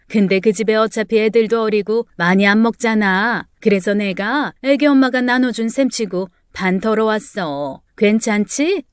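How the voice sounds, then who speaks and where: A woman voicing a rude, entitled middle-aged female neighbor who talks in a shrill, indignant way. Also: clean tone, dry recording, clean studio sound, lightly acted. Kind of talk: storybook dialogue.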